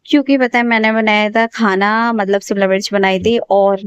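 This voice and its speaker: A woman in her twenties talks through her day in a loose, chatty vlog style, often circling back and correcting herself mid-sentence. Her voice is smooth and clean. The recording is dry, with no room echo. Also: mid-range voice, steady tone, moderate pace, lo-fi sound. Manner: chatty, rambling, frequent self-corrections. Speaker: exam aspirant vlogger. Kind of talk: casual daily study vlog narration.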